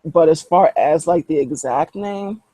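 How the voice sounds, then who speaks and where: A man's voice: a little high, measured pace, dark tone, slightly rough, dry recording, low-quality recording. A man narrating as game master in a tabletop role-play, rambling with lots of fillers. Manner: rambling, filler-heavy, casual.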